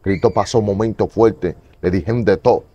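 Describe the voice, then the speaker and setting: A man in an interview giving a fervent, repetitive testimony, moving between loud pleading and low murmurs. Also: fairly even intonation, moderate pace, no echo, highs cut off. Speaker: evangelist guest.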